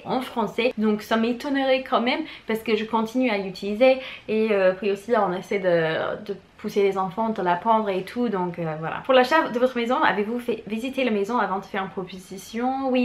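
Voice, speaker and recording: A woman in her thirties from France, chatting candidly at home as she answers viewer questions, laughing often. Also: medium pitch. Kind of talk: casual chat. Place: home room.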